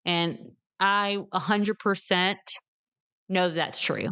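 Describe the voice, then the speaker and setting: A woman's voice: lowish voice, takes it slowly, pushed and bright, smooth. Middle-aged woman, lilt, solo motivational podcast host, emphatic and cheering, clean resonant tone. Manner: encouraging, emphatic, addresses listeners as "guys" and "y'all".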